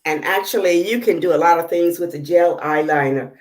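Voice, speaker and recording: Low-voiced woman demoing makeup. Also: darkish tone. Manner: halting, many fillers while working; checks the viewers can see. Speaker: makeup tutorial host. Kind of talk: casual live demonstration. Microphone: video call.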